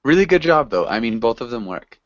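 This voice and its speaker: An online English teacher with a mid-range, sing-song voice talks fairly quickly while teaching a class, friendly, patient, and encouraging throughout. The video call audio is dry and dull, with no room sound at all.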